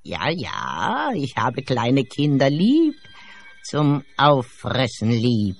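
A wicked old witch in a radio play, cackling and sneering as she bosses children around. Her voice leaps wildly up and down and drags along slowly. She gloats over the fate she plans for them. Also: mid-range voice, huge pitch swings, vocal fry, heavily acted. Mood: gloating. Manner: cackling, sneering, barking orders.

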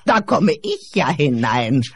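A wicked old witch in a radio play, cackling and sneering as she bosses children around. Her voice leaps wildly up and down and drags along slowly. She gloats over the fate she plans for them. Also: mid-range voice, sing-song, a bit bright, husky, full character voice. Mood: bossy. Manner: cackling, sneering, barking orders.

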